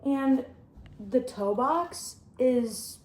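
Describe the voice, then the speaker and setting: A woman's voice: sits high, animated, extremely slow, darkish tone, roomy sound, poor audio. A young woman from the Upper Midwest chatting casually in a vlog, rambling and upbeat, chewing gum as she talks. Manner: chewing gum while talking. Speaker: running vlogger.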